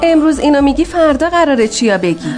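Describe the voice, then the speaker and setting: A sharp-tongued young woman in a dubbed TV drama, sassy and bickering. Her voice sits high. Music plays faintly behind her. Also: sing-song.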